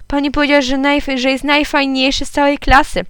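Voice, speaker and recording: A woman's voice: sits high, flat delivery, fairly quick, fairly bright tone, no room sound, pitched above the performer's own voice. Woman as a sulky cheeky schoolboy, storybook reading, whiny, dry close sound.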